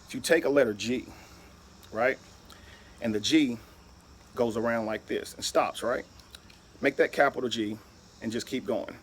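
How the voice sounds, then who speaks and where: A man's voice: mid-range voice, unhurried, long pauses, a little hiss or hum. A man giving an emphatic lecture-style monologue, spelling words out letter by letter and asking "right?" often. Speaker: video speaker.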